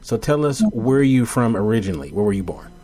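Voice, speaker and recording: A man from Los Angeles hosting an internet radio show, interviewing a guest in a relaxed, hesitant way with many fillers. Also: lowish voice, fast talker, noisy background. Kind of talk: casual interview.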